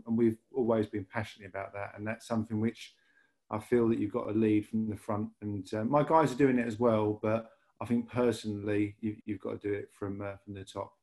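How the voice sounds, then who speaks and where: In a casual podcast interview, a Lancashire-accented rail industry manager from England rambles through his story, restarting and repeating words often. His voice is medium-pitched and a little mellow.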